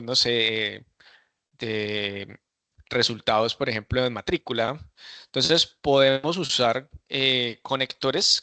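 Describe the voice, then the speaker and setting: Man, teacher, very bright voice, dry close sound, bilingual classroom talk, Latin American accent. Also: medium pitch, no room sound. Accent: Latin American Spanish. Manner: switches between languages, asks the group for answers, many fillers. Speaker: English workshop teacher.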